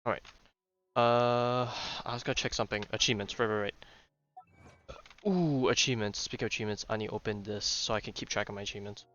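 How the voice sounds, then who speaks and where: A fast-talking man with a fairly low pitch and fairly bright tone streams a video game, chatting loosely and rambling aloud with plenty of repeated words. The audio comes from a dull lo-fi mic, with video game music underneath.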